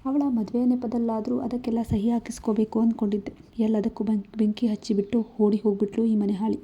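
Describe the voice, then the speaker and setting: Brief: woman voicing greedy schemer, bitter grumble, flat and dark. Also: on the high side, a little fast, slightly rough, highs cut off. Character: greedy, jealous middle-aged man, scheming.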